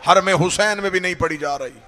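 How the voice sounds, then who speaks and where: A man's voice: sits high, fairly quick, sharp tone. A man, a cleric, recites a mourning sermon as impassioned, wailing storytelling that swells into cries at a mourning gathering. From Pakistan.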